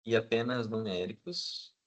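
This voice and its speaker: A man's voice: on the low side, sing-song, unhurried. Male teacher lecturing a class. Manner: asks the class for agreement constantly; fills with "né?" and hesitant "é".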